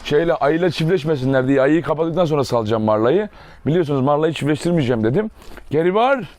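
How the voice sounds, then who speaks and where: Outdoors on his dog farm, a young man gives a casual vlog tour, his voice on the high side, animated and darkish. He speaks quickly, frequently cooing lovingly at the dogs.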